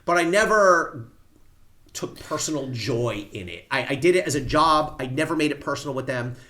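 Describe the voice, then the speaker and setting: A man's voice: medium pitch, animated, normal speed, sharp tone. A man who was a federal prosecutor, telling stories plainly and vividly as a podcast guest. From United States. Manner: vivid storyteller, plain-spoken. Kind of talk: storytelling in a podcast interview.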